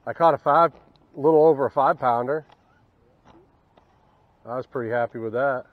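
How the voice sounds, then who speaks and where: A young Southern US fishing vlogger chats casually to the camera from a small boat on a wooded river, grumbling asides and cursing at fish as he fishes. He speaks at medium pitch and a moderate pace, recorded by an action camera on the boat with slightly dull outdoor audio.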